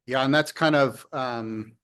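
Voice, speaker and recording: A man's voice: mid-range voice, measured pace, fairly bright tone, clean tone. A man on city staff patiently explaining an ordinance at a public council meeting, with some ums. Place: council chamber.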